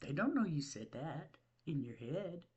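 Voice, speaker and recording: A woman's voice: deep voice, sing-song, a little slow, a little mellow. Chatty older woman. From Ohio. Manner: rambling, chatty, laughs often, self-mocking. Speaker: vlog host. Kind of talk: casual chat to camera. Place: at home.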